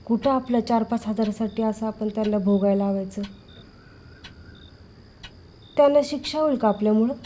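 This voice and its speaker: A woman's voice: on the high side, quick pace, warm tone, a little hiss or hum, natural voice. An actress playing an anxious woman who is pushed to give false testimony and who hesitantly murmurs her words over and over. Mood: worried. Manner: hesitant, rehearses phrases under her breath. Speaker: reluctant witness. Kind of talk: film drama.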